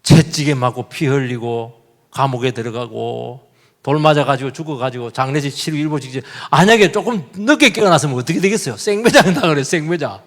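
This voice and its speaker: A man's voice: mid-range voice, lively intonation, fairly quick, long reverb tail. A male pastor giving a sermon, talking animatedly and putting rhetorical questions to his congregation. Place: church sanctuary.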